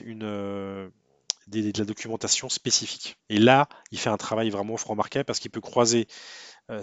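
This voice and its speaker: Low-voiced man lecturing casually. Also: no echo. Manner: conversational, many fillers and restarts.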